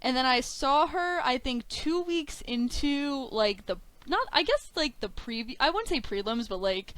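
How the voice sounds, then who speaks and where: A woman's voice: high voice, measured pace, smooth, no room sound, low-quality recording. A woman in her twenties, a wrestling commentator, chatting as a guest and acting out quoted dialogue. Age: 20s. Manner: animated storytelling with quoted dialogue, frequent "like". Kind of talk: casual interview chat.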